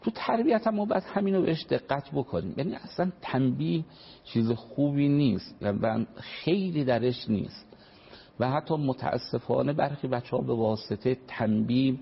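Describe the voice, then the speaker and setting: Explaining parenting on a radio talk show, a male family counselor uses a medium-pitched voice with vocal fry and slight roughness. He is earnest, gives many examples, and favors polite formal phrases. The recording is a dull, lo-fi radio broadcast.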